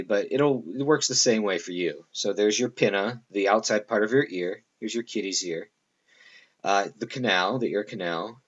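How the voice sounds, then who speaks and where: A man lectures a class in a loose, rambling, conversational way, pausing for lots of fillers and quick asides to the students. His voice is a little low and husky, and the recording sounds dull and lo-fi.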